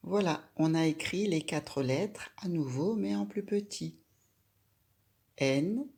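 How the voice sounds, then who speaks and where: A woman's voice: deep voice, gravelly, mellow. A woman giving a patient, step-by-step handwriting lesson, speaking directly to a young child with simple instructions. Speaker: handwriting teacher.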